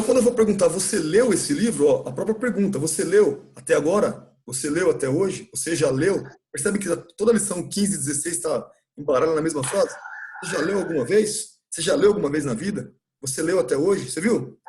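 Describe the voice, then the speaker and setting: A man's voice: on the high side, a little mellow. A Brazilian man teaching an English class in a church classroom, patiently explaining grammar and often checking with his students.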